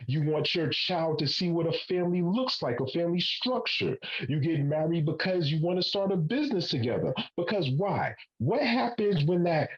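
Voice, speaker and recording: A podcast host in his forties, with a slightly high voice, leads a panel discussion, pressing his point emphatically and swearing casually. The recording sounds muffled.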